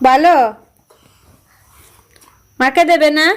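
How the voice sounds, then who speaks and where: A young woman filming a casual family vlog at home, gently coaxing her small children with short, repeated questions. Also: high-pitched, steady tone, takes it slowly. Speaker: mother and family vlogger.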